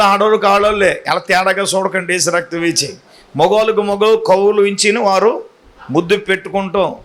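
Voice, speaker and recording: A pastor preaching a sermon in church, animated and teasing, calling on the congregation to answer aloud. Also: male voice, sits high.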